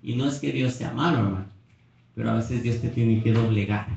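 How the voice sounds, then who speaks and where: A man preaching a Pentecostal sermon, emphatic, rising to near-shouting when he reads Scripture, recorded on a phone from the back of a church. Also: medium pitch, fairly quick, creaky, lo-fi sound. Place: church hall. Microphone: phone camera at a distance. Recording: echoey church, phone from far off.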